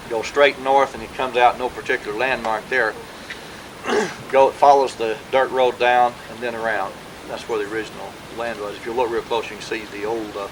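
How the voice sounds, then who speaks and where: A man, talking informally to relatives at a family gathering in a rambling way with many pauses, heard on an old VHS home video. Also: medium pitch, noisy background. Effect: old VHS home video sound. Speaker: family historian speaking at a birthday gathering.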